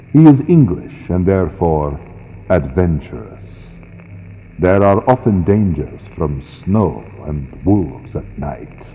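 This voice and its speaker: A man voicing Count Dracula as a grave, commanding, menacing aristocrat, slow and deliberate, in a gothic audiobook. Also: low-pitched, full character voice. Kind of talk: gothic audiobook character reading. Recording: long cavernous reverb, lo-fi computer mic, noisy.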